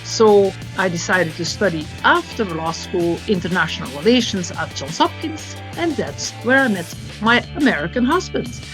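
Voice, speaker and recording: A woman from Belgium, a nonprofit executive director, chatting as a guest in a warm, encouraging way. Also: medium pitch, animated, normal speed, few pauses, music in the background. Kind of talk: casual interview.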